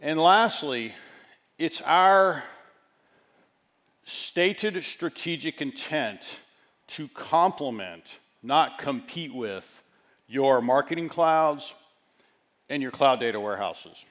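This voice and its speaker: A man giving a keynote presentation as a chief executive, speaking in deliberate, broken phrases with emphatic stresses. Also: fairly high pitch, animated, a bit bright.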